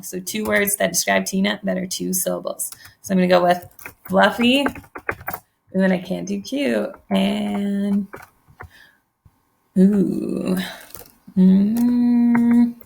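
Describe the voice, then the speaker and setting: A woman's voice: medium pitch, steady tone, measured pace, creaky, fairly bright tone. A woman teacher giving an online poetry lesson, thinking aloud in a friendly way while she types.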